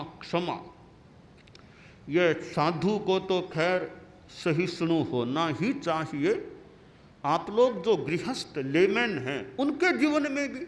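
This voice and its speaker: A man who is a monastic spiritual teacher, giving a sermon with a story and repeating key words deliberately. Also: sits high.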